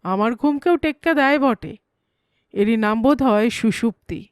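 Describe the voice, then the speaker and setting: A woman narrating a comic story in a lively, playful storytelling way, close to the mic. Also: a little high, moderate pace, no echo.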